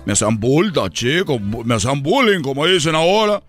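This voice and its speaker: A man with a Cuban accent spins a comic yarn for a radio show, animated and chatty, peppering his talk with "chico". His voice sits a bit high and sounds bright and sharp. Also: fairly quick, faint music behind. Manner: animated, keeps saying "chico". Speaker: comedian telling a story.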